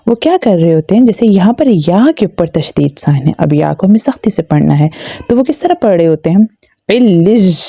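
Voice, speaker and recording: A woman teaching recitation, dragging out each syllable before switching to quick explanations sprinkled with English. Her voice is mellow and warm, never bright. It sounds dry and close, with no room around it. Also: fairly low pitch, vocal fry, dry recording. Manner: spells syllables slowly and stretches them, then explains quickly. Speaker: Quran reading teacher. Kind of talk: spelled-out recitation lesson.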